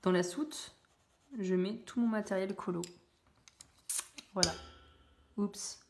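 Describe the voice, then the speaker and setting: A woman's voice: medium pitch, fairly even intonation, takes it slowly, reverberant, background noise. A young woman chatting casually while coloring, rambling with many fillers and self-corrections, laughing at her own jokes. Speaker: coloring YouTuber.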